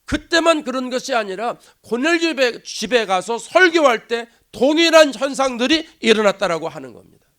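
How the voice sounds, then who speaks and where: A man's voice: very high voice, normal speed. A male pastor delivering a sermon at a church, acting out quoted speech and dropping to near whispers for emphasis. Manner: animated preaching, acts out quoted voices, drops to a hush. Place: church sanctuary.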